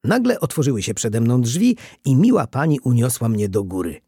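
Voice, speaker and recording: A man narrating a children's storybook in a lively reading voice, lifting his pitch for the children's lines. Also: moderate pace, creaky, husky, no echo, clean studio sound.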